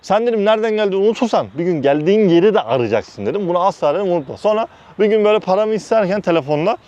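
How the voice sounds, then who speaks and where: Brief: man from Turkey, vlog storyteller, high voice that swings widely, blunt and heated retelling. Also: racing, muffled recording. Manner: heated, animated retelling with constant "dedim" between quoted phrases; blunt, uses mild swearing. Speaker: vlogger recounting work experiences. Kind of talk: casual storytelling.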